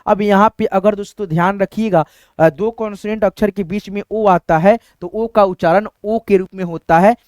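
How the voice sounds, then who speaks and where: Guy teaching phonics step by step, high clear voice, keeps asking stuff then answering it himself. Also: fairly even intonation, moderate pace, a little mellow, no room sound, studio quality. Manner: asks questions and answers them himself, checking in often. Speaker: English teacher.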